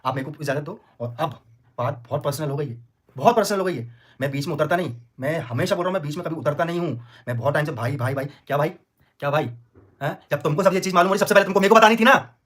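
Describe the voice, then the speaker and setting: Agitated fast-talking man, high voice. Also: lively intonation, a bit bright. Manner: agitated, repeats himself, pleading then threatening. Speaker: vlogger on a livestream. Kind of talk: heated livestream argument.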